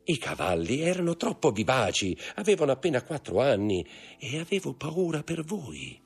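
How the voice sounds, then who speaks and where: A man voicing a scheming, greedy middle-aged banker who talks in a smooth, ingratiating way for an audiobook. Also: mid-range voice, big pitch swings, normal speed, pitched above the performer's own voice, full character voice. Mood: placating. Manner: smooth, ingratiating, hushed when confiding. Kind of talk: audiobook character voice.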